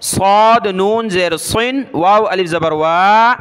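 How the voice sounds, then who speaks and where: A man teaching Quran recitation, spelling out each syllable patiently and slowly drawing out the recited words. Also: high-pitched, fairly bright tone, smooth.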